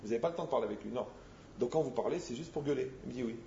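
A man, a rabbi, giving a lively spoken teaching, telling stories and acting out the dialogues in a direct, teasing way. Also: mid-range voice, racing, slight background noise. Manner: animated storyteller, acts out dialogues, direct and teasing. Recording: echoey muffled room recording.

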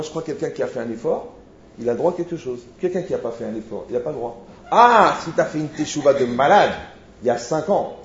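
Man, rabbi, storytelling sermon, acts out both sides, echoey room, slightly muffled. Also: medium pitch. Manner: animated storytelling, acts out dialogues, rising to near shouts. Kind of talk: lively sermon with anecdotes. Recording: roomy, dull lo-fi sound with faint noise.

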